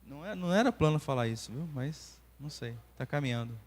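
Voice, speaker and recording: Animated Brazilian man in a reverberant church. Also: mid-range voice, fast talker. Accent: Brazilian Portuguese. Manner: animated storytelling, acting out dialogue. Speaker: church class teacher and doctor. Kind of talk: church lesson with personal stories. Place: church hall. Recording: long reverb of a church hall.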